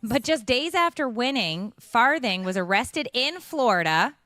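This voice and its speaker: A woman's voice: fairly high pitch, sing-song, a little slow, sharp tone, dry recording. A woman co-hosting a morning show, reading local news with joking asides. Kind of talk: casual chat, reading news segments.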